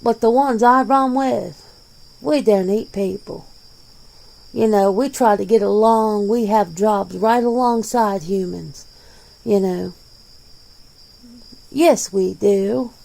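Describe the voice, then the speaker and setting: In an ASMR roleplay interview, a woman plays a plain-spoken, world-weary werewolf. Her mid-range voice is soft-edged and dark with heavy vocal fry, and it moves slowly. She sounds matter-of-fact, answering in a casual, blunt, defensive and conversational way, with swearing.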